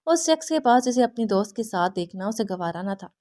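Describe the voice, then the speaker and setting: A woman narrating a romance novel in a steady, even reading voice. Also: on the high side. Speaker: audiobook narrator.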